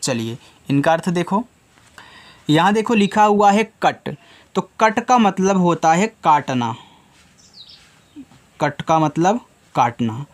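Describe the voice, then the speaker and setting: A man teaching a slow, patient phonics lesson to children, spelling each word letter by letter and addressing the learners as children. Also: a little high, lively intonation. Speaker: English teacher.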